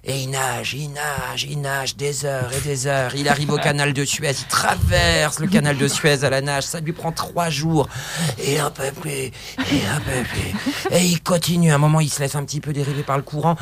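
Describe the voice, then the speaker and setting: A man on a comedy podcast, telling a joke in a chatty, halting way and laughing easily. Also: a little high, steady tone, fairly bright tone, slight background noise. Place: podcast studio.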